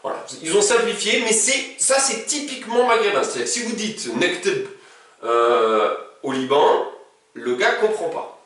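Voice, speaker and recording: A man's voice: high-pitched, expressive, a little slow, a bit bright, recorded from a distance. A man teaching a casual language lesson, talking informally and reciting verb conjugations in a row. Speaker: Arabic teacher. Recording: very echoey room, speaking from away from the mic.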